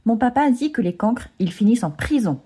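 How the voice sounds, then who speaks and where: Storybook casting: a woman playing a shrill, whining little swot of a boy, voice pitched way up. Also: expressive, fairly quick, dark tone, husky. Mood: smug. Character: whiny bespectacled schoolboy teacher's pet.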